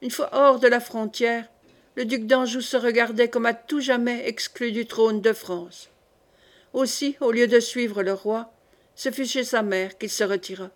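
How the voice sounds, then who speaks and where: Woman narrating an audiobook, slightly high. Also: fairly even intonation, unhurried. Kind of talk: scripted narration of a historical novel.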